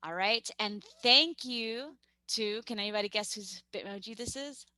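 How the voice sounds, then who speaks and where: A woman's voice: mid-range voice, normal speed, bright, forceful tone, dry recording. A young woman with a New York accent teaching a math lesson over a video call, chatty and upbeat, often correcting herself.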